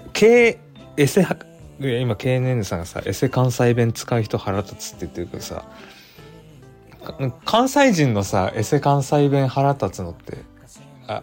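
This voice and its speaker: A man with a Kansai accent hosting a casual solo livestream, chatting loosely and reading listener messages aloud. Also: mid-range voice. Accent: Kansai Japanese. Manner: chatty, animated, muses aloud with frequent fillers. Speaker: livestream radio host.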